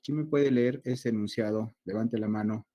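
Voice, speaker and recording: A Latin American man teaching an online class, explaining slowly and voicing his students' questions himself. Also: lowish voice, fairly even intonation, dark tone.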